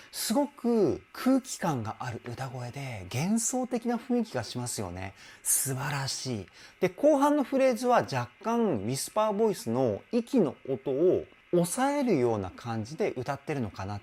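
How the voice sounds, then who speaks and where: A man's voice: medium pitch, darkish tone, breathy edge. A man working as a vocal coach, giving enthusiastic commentary that analyses a song's vocals and demonstrating sounds with his own voice.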